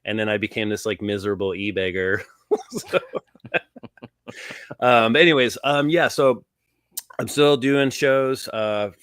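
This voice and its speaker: A man in his forties with a lowish voice, chatting as a livestream guest. He speaks in a halting, loose way, stopping and restarting often and dropping in "man". The sound is dry and close. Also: fairly bright tone, clear, resonant tone, no room sound. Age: 40s. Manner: halting, many fillers, says "man" often. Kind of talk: casual livestream chat.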